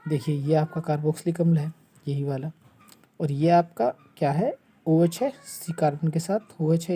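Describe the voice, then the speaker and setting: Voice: medium pitch, mellow. A teacher explaining a chemistry lesson step by step, asking rhetorical questions and restating each term.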